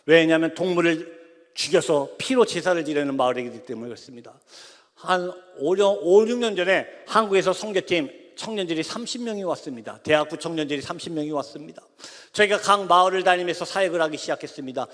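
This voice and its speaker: 이야기하듯 뜨겁게 설교하는 남자, 가끔 외침, 예배당 울림. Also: male voice, on the high side, lively intonation, fast, long reverb tail. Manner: impassioned storytelling, rising to shouts. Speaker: missionary preacher. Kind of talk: sermon. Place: church sanctuary.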